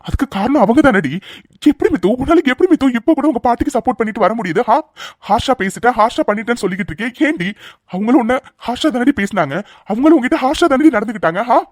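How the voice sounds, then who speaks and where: A devoted young man pleads and insists at a rapid clip. His lines in this cartoon dub come out dry and close, with no room sound around them. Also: high voice, dry recording. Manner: pleading and insistent, speaks fast. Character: devoted, protective young man, fiery in love.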